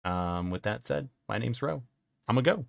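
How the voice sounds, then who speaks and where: A man's voice: mid-range voice, lively intonation, normal speed, creaky, no room sound, studio quality. A man hosting a live stream in casual chat, joking, laughing often and rambling loosely. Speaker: stream host.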